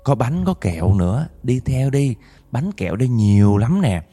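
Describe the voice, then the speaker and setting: A man's voice: medium pitch, big pitch swings, normal speed, dark tone, faint music behind. A man with a Southern Vietnamese accent voicing a vicious female ghost, who whines when begging for mercy and coaxes slyly when luring a child. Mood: coaxing. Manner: whiny pleading and sly coaxing.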